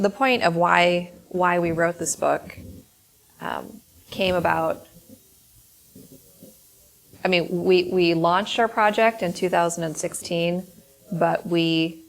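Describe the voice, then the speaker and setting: A woman's voice: lowish voice, flat delivery, slow pace, creaky, long pauses. A woman attorney opening a presentation in an earnest, somewhat hesitant way with frequent fillers. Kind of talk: prepared presentation.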